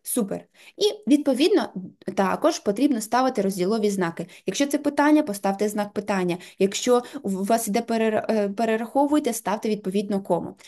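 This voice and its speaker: Woman walking you thru an app step by step, soft mellow voice, lots of filler words, patient. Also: mid-range voice, lively intonation, a little fast. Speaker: software tutorial instructor. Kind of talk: step-by-step screen tutorial.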